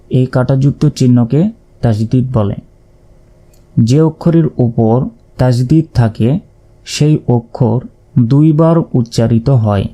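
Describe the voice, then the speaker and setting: Male recitation teacher, calm and methodical, dark tone, middle pitch. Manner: slow, patient, repeats each sound. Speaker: Quran reading teacher. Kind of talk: step-by-step recitation lesson.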